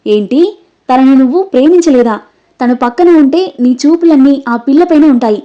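A woman's voice: high-pitched, fairly quick, close to an everyday voice. A woman voicing an emotional, scolding young man. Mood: angry. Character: young man, pleading and scolding best friend. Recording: dull lo-fi recording.

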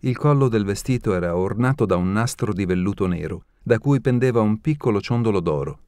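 A man narrating an audiobook in a steady, measured reading voice, close to the mic. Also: lowish voice, clear, resonant tone, no room sound.

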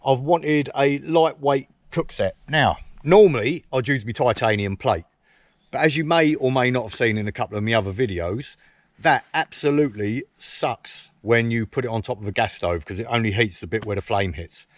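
An Englishman at a woodland camp speaks to a nearby camera on a tripod in a loose, casual outdoor vlog, cheekily teasing a friend and mocking himself drily. He has a mid-range voice at a moderate pace, and the sound is dry with no echo.

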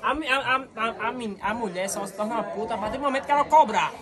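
A man's voice: very high voice, fast talker, a crowd in the background. A young man from the Northeast of Brazil telling a rambling story on a sofa, repeating himself as he goes. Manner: rambling, repeats words, laughs mid-story. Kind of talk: casual storytelling chat. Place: indoors on a sofa.

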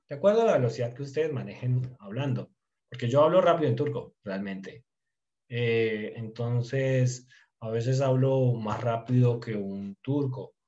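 A man teaching Turkish, slowly drilling question forms and explaining in quick, casual asides. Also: medium pitch, warm tone, dull audio. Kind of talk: casual language lesson.

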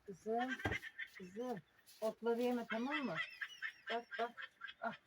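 Slow-talking woman coaxing an animal. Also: a little high, heavy background noise. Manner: coaxing, repeating short calls over and over. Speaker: farmer tending her animal. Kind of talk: casual talk to an animal.

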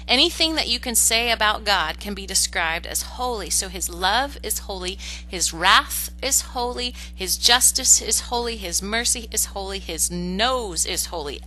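A woman teaching a Bible study lesson, her voice bright and clear. She explains earnestly, often pausing with "uh" and restarting her sentences. A faint hum sits under the recording. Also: mid-range voice, low-quality recording.

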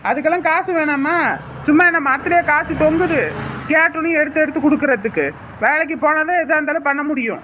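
A brusque, stingy village husband, as a woman plays him, snapping his words out quickly in a fairly high voice. He scolds rather than talks. Faint noise sits behind him. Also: bright, forceful tone. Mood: scolding.

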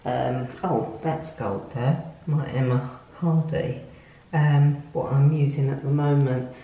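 A woman's voice: a bass voice, fairly even intonation, slow pace, lo-fi sound. An older woman vlogger giving a rambling, chatty tour of her small home bathroom, filmed on a handheld phone. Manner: chatty, rambling with fillers and restarts. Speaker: lifestyle vlogger. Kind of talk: casual home tour chat. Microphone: phone camera held by speaker. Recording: echoey tiled room.

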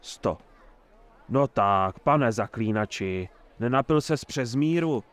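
A man's voice: mid-range voice, expressive, close to an everyday voice. A man doing a sly jovial old mayor. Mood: sly, hearty. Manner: effusive, sly and talkative. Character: jovial scheming male town mayor, older.

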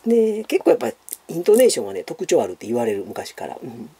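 Gravelly, husky Kansai man chatting. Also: a little high, huge pitch swings, fast, mellow. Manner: chatty, rambling, many fillers, calls himself by nickname. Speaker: YouTuber answering viewer questions. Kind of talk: casual Q&A monologue.

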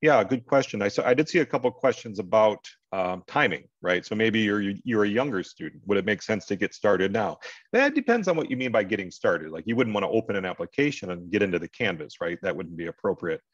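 Animated and quick, with a breathy edge to his lowish voice, a middle-aged American man hosts an online advising session, speaking casually and directly to his audience. He's indoors on a video call, recorded through its mic with dull, lo-fi, echo-free audio.

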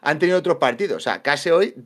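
A man's voice: on the high side, expressive, quick pace, a bit bright. Man steering a casual podcast chat. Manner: steers the talk, teasing. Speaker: podcast host moderating.

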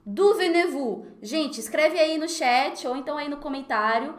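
In a roomy-sounding recording, a high-pitched Brazilian woman from Recife hosts a chatty live French class. Her Brazilian Portuguese accent comes through as she laughs a lot and articulates French words slowly and precisely.

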